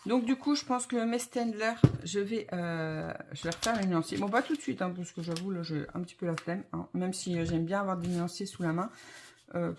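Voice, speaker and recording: Chatting casually to her viewers about her coloring supplies, a vlogger rambles, corrects herself, and pokes fun at herself, with plenty of fillers. Her voice is on the low side, and a little hiss or hum can be heard.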